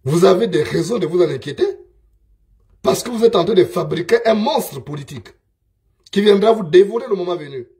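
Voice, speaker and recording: A man speaks in a high voice. He delivers a scornful political monologue and hammers his points home by repeating them. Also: lively intonation, fairly quick, mellow. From Gabon. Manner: scornful, emphatic, repeats himself.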